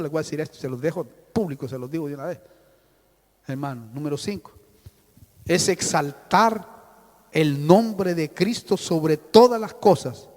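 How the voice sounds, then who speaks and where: A man preaching a sermon as pastor, calling his listeners "hermano", with sudden loud outbursts and dramatic quoted voices. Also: high-pitched, long reverb tail. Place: church hall.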